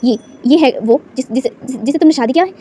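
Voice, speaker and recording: A woman plays a shrill, possessive young fiancée who stammers and repeats herself as she shrieks, pitched up high. The lines are rushed and loud, told as part of a spoken fan-fiction story. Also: slightly rough. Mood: shrieking, jealous. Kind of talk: storytelling with acted dialogue.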